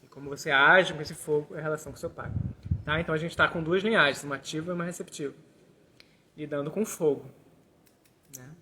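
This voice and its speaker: A man's voice: fairly high pitch, fast, long pauses, noisy background. A man, a tarot teacher guiding a hands-on exercise step by step and checking in with listeners. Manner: talks through steps, tags lines with "né?". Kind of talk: explanatory class with a hands-on exercise.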